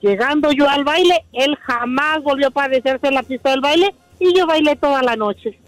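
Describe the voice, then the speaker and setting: A woman's voice: high-pitched, normal speed, no echo, faint music behind. A woman calling in to a radio show, telling her story in a frank, matter-of-fact way. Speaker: caller. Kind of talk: call-in story.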